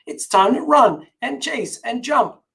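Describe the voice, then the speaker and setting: A man voicing a cheerful little girl who yells to wake everyone up, stretching out her high, loud call. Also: expressive, measured pace, creaky, distant mic, heavily acted. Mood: fretting.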